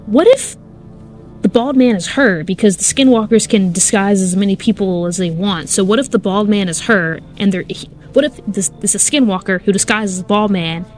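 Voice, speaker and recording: A woman giving casual, animated gameplay commentary, exclaiming and swearing as she reacts. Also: medium pitch, moderate pace, faint music behind. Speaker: gaming YouTuber.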